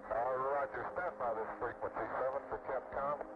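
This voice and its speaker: Ground controller over hissing radio. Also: male voice, mid-range voice, steady tone, narrow, tinny audio. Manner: brisk, clipped radio calls. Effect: heard over a crackly air-to-ground radio link. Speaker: ground capsule communicator. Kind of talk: radio procedure talk. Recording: very noisy band-limited radio transmission.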